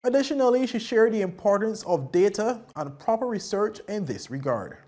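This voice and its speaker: Woman reading news voice-over, expressive. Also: medium pitch. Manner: measured reporting. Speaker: news narrator.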